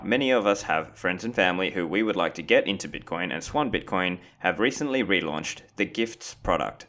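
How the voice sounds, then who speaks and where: A man hosting a podcast, reading a scripted intro and sponsor messages in a steady, measured way, then interviewing a guest. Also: sits low. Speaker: podcast host.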